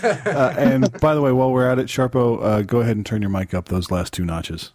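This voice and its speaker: A man's voice: mid-range voice, brisk, darkish tone, no echo, clean studio sound. A man from the United States chatting casually as a podcast co-host. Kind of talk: casual chat.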